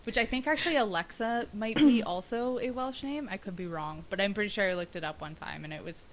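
A woman's voice: mid-range voice, a little fast, poor audio. A woman co-hosting a podcast, bubbly and giggly, rambling in casual chat. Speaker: podcast co-host.

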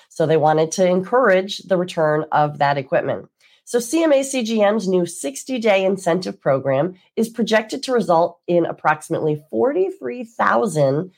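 Stuffy-nosed woman with swooping, animated intonation. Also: on the low side. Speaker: host, maritime attorney. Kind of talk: presenting a weekly news breakdown.

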